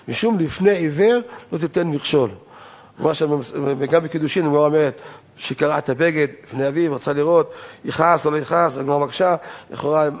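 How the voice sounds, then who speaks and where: Older male rabbi, fairly high-pitched, emphatic lecturer for a Torah law lesson. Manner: emphatic, rhetorical questions, voice rising on key points.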